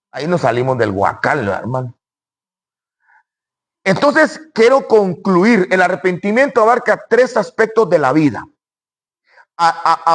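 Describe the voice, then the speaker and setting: A man preaching a sermon, animated, swinging between loud high exclamations and quiet low asides, acting out imagined objections. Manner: acts out imagined objections in dialogue.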